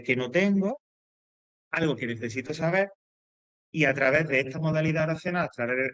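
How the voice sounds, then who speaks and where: A man's voice: mid-range voice, a bit bright, no room sound. A man teaching a grammar lesson, explaining with repetition and frequent check-ins with his students. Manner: loose, hesitant phrasing with fillers and restarts.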